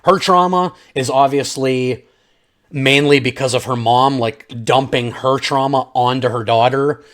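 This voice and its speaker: A man with a medium-pitched, fairly bright voice speaks a little slowly, with fairly even intonation. As a film reviewer and channel host, he gives an unscripted, opinionated review, chatting to viewers in slang and calling them "guys."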